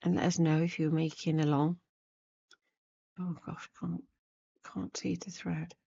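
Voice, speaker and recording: A woman hosting a casual needlework tutorial talks slowly as she works, croaky and hoarse after a cold. Her low voice is mellow with a flat delivery, and the high frequencies are cut off. She's unscripted, rambling and thinking aloud.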